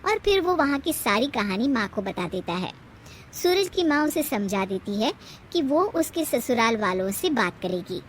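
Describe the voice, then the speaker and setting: A woman narrating a cartoon story in a lively storytelling manner. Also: fairly high pitch, normal speed, a little hiss or hum.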